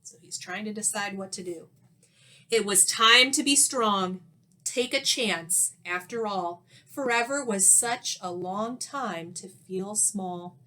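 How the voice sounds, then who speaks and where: A woman teacher reads a children's story aloud with expression, using dramatic pauses and asking her young listeners questions. Her voice is medium-pitched with a sharp tone.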